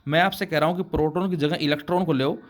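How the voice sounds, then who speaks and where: A man teaching a physics lesson, explaining slowly and addressing his students as children, with words his speech. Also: a little high, steady tone. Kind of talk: classroom lesson.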